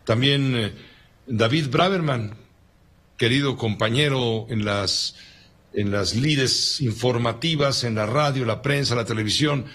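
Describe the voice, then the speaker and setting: A male radio anchor with a Mexican accent and a slightly husky, breathy voice. He talks in a loose, joking way and wanders into asides between the news items. His voice sits at an ordinary middle pitch. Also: unhurried, fairly bright tone. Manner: chatty, joking, digressive. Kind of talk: casual on-air chat, reading listener messages.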